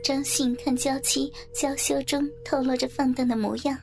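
A woman narrating a martial-arts novel in a steady storytelling manner. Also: high-pitched, normal speed, vocal fry. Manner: steady storytelling, acts out characters. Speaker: audiobook narrator. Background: faint background music.

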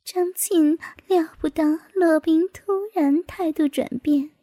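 Storybook narrator, woman, very high voice, hushed half-whisper, slow. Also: fairly even intonation, dry recording.

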